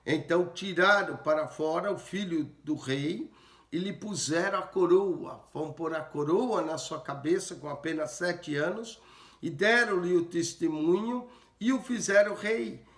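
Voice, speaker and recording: A man's voice: on the high side, a bit bright. A man, a pastor teaching through a Bible passage, explaining and repeating phrases and often tagging on short questions. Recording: roomy echo.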